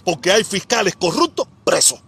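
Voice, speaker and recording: A man's voice: high-pitched, big pitch swings, moderate pace, gravelly, fairly bright tone, slightly rough. A Cuban man hosting a livestream, arguing politics and repeatedly cutting in with "excuse me" to hold the floor. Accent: Cuban Spanish. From Cuba. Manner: keeps cutting in with repeated "permiso", argumentative. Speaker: livestream host. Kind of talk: heated political debate.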